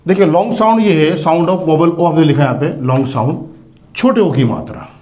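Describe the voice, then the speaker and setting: A man teaching English phonics, spelling each word letter by letter and repeating the sounds slowly for his students. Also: a little high, animated, darkish tone. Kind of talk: classroom phonics lesson.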